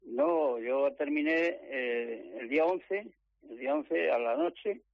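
A man, a lottery ticket seller, telling his story in lively detail and acting out the dialogue. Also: a little high, slow pace, vocal fry, dry recording. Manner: animated storytelling, acts out quoted dialogue. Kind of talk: interview on the phone. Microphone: phone. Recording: dry phone line.

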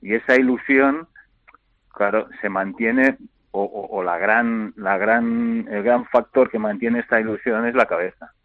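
A middle-aged man, a retired basketball player, answering interview questions by phone in a halting way, repeating words and filling pauses. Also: on the low side, fairly even intonation, slight background noise. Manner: halting, repeats words often, many fillers. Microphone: telephone. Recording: tinny phone line.

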